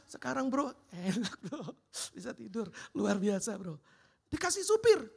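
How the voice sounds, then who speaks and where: A middle-aged man preaches in a church sanctuary, weaving his own story of hardship and answered prayer into the sermon. His voice is gravelly and a little husky, and he keeps the telling lively, tossing a casual "Bro" at his listeners. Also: sits high, unhurried. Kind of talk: sermon with personal testimony.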